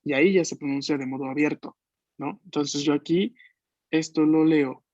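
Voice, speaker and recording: A man teaching a French class online in Spanish, patiently explaining and slowly modeling words for his students. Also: a little high, a little mellow, dry recording. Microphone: video call. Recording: dull lo-fi video call audio.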